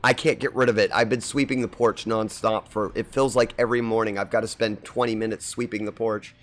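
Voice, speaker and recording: Brisk and lowish, with fairly even intonation, this man chats with his stream audience during a game. His voice carries a light scratchiness from seasonal allergies, and he rambles amiably, saying hello to chatters by name.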